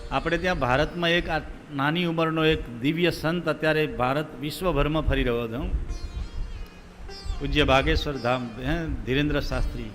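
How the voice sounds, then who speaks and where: A man preaches a devotional sermon, his fairly high voice ringing through a long reverberant hall. He tells stories and keeps asking his listeners rhetorical questions. Soft sitar music plays faintly behind him. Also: moderate pace. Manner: storytelling, asks the audience rhetorical questions.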